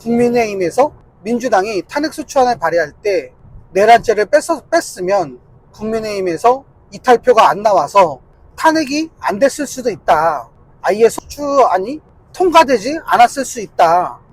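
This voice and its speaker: A man's voice: extremely high pitch, breathy edge, low-quality recording. A man giving a casual political commentary monologue, argumentative and insistent, repeating his points to hammer them home.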